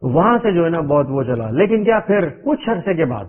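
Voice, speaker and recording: A man's voice: on the high side, big pitch swings. A middle-aged man from Pakistan, a cricketer guest telling stories in loose, run-on sentences and chuckling often. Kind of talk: anecdotal interview storytelling. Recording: narrow phone-like radio audio.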